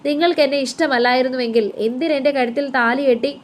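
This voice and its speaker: A woman reading the lines of a grieving young wife who speaks quietly and tremblingly. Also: sits high, fast talker, a little hiss or hum, lightly acted. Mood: hurt.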